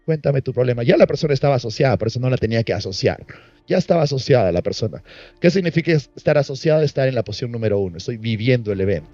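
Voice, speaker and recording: A man's voice: medium pitch, sing-song, racing, darkish tone, no room sound, highs cut off, faint music behind. Man teaching an NLP workshop. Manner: storytelling, acting out client dialogue. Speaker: NLP trainer.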